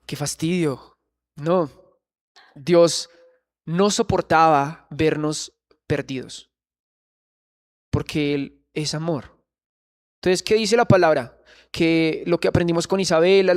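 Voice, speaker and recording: A man preaching a sermon in church, earnestly questioning the congregation. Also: fairly high pitch.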